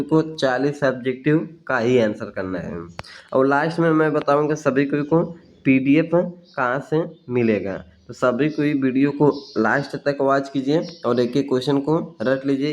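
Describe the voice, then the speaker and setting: Brisk man reading exam answers, lo-fi. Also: medium pitch. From Bihar, India. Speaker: exam tutor. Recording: dull lo-fi sound.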